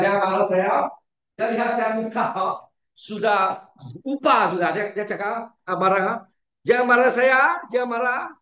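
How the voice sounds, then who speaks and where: A man preaching a sermon to a congregation, repeating words and shouting for emphasis, often putting questions to his listeners. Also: sits high. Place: church hall. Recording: very echoey church hall, far from the mic.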